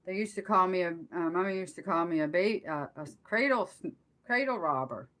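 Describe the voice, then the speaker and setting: A middle-aged or older woman chatting casually on a live stream, rambling and halting as she trails off mid-thought. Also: lowish voice, animated, a bit bright.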